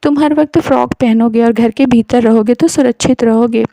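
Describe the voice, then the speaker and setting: A woman reads the part of a grieving, protective mother in a spoken storybook, her words soft and tender. The voice sits fairly high with a mellow, darker tone. It is recorded close and dry. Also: fairly even intonation, normal speed, vocal fry, dry recording. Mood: pleading.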